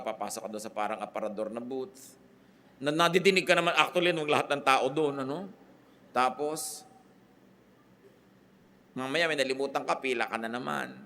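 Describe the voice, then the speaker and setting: Filipino pastor preaching with emphatic swings. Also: male voice, slight background noise. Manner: mixes Tagalog and English, emphatic swings in loudness and pitch. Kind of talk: sermon.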